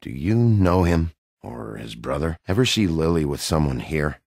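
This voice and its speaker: An actor playing a gruff, weary, hard-boiled wolf detective in a video game, with a gravelly, husky voice and a blunt, dry, brooding way of questioning. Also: male voice, very deep voice, very animated, moderate pace, a little mellow, no echo, exaggerated voice. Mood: gruff, probing.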